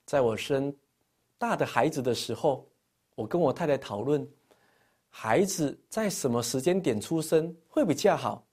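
A man preaching a sermon as pastor, telling stories with emphatic peaks and soft, dropping phrase endings. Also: normal speed, breathy edge. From Taiwan. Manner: animated storytelling, swinging between emphatic highs and soft low phrase endings.

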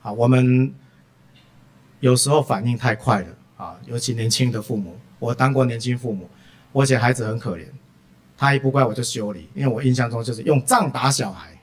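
A man's voice: medium pitch, brisk. Chatty preacher man telling stories. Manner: lively anecdotal delivery, frequent "ah" fillers. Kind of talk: sermon with personal storytelling.

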